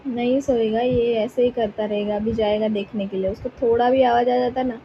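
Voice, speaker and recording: A woman's voice: on the high side, fairly even intonation, a little fast, lo-fi sound, slight background noise. A woman vlogger chatting casually at home, cooing baby talk to her pet dog in between. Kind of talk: casual vlog chat.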